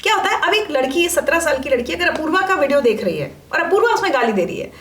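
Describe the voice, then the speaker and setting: A middle-aged woman, an interview guest, telling her stories with animated emphasis in a conversational interview. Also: sits high, fast, roomy sound, a little hiss or hum. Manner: animated, emphatic storytelling, acts out quoted voices. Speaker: interview guest, media personality.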